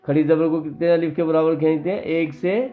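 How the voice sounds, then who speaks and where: A woman teaching Quran recitation in an online lesson, patiently drilling words and modelling them slowly for her students. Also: low-pitched, steady tone, narrow, tinny audio.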